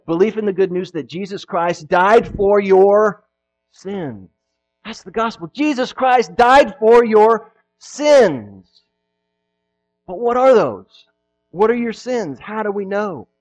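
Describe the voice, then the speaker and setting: A man preaching a sermon as pastor, emphatic and rising to loud peaks, with frequent restarts. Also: high-pitched, a little slow, faint music behind.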